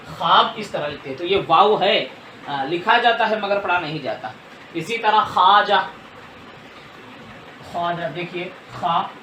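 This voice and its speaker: A man teaching Urdu spelling with a high voice and an unhurried pace. He spells words out letter by letter and explains patiently. He is recorded off-mic in a roomy, echoey space with faint noise behind him. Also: bright, forceful tone, recorded from a distance. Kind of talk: lesson.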